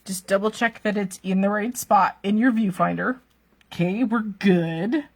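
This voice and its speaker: Slow-talking chatty craft instructor woman. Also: mid-range voice. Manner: chatty, laughs often, keeps asking "okay?". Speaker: card-making instructor. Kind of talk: live-streamed craft demonstration.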